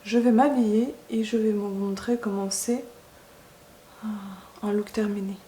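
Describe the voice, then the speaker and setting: A woman's voice: medium pitch, fairly even intonation, measured pace, mellow. A woman in chatting casually as she does her makeup, often hesitating and correcting herself. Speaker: beauty vlogger. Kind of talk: casual makeup chat to camera. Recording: roomy echo, faint background noise.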